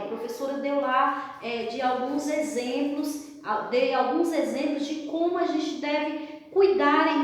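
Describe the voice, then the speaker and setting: A Brazilian woman speaks slowly in a high voice, in the manner of a children's show host leading a school lesson. She coaxes young listeners with simple questions and repeats her explanations. The recording is heavily echoey and reverberant. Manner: kids show host address, coaxing with simple questions and check-ins. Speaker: primary school science teacher. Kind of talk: spoken lesson review for children.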